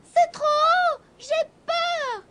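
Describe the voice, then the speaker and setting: A woman voicing a frightened little male kitten, a witch's cat, in a very high, shrill, pleading voice. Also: steady tone, a little slow, bright, forceful tone, a little hiss or hum, exaggerated voice. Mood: tearful. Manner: pleading, tearful.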